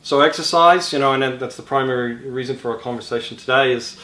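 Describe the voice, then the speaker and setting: A man from the United States talks fast and upbeat, teasing his guest between fillers. His voice sits in a middle register. The room around him echoes. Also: mid-range voice, bright, forceful tone. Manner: upbeat, joking, quick with fillers. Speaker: interviewer, charity head. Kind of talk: casual interview.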